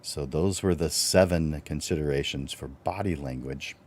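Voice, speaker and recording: A man with a low voice hosting a live-stream teaching talk, relaxed and conversational, with fillers and restarts. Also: moderate pace. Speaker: host.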